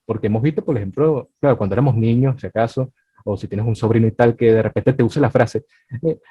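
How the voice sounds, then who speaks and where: A man hosting a casual podcast interview who talks in a loose, conversational way, full of fillers and lively asides. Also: mid-range voice, fast, breathy edge, no room sound. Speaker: podcast host. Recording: dull, dry, slightly lo-fi.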